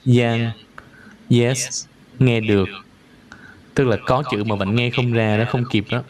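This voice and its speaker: A man teaching English pronunciation in a live online lesson. He drills words slowly and repeats them many times. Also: medium pitch, steady tone, crowd noise.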